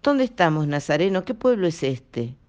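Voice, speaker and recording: A man's voice: fairly high pitch, very animated, moderate pace, highs cut off, voice pushed up. A storyteller voicing a confused young man who pleads nervously. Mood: pleading.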